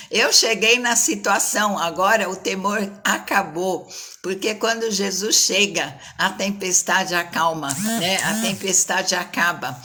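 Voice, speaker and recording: Bright-voiced woman preaching. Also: medium pitch. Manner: conversational, tag questions after most phrases. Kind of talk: sermon.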